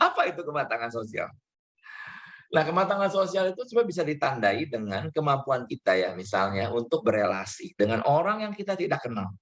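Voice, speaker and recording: A man's voice: mid-range voice, very animated, moderate pace, fairly bright tone. A man who is a pastor, giving a conversational sermon with English terms mixed in, acting out little dialogues and laughing now and then.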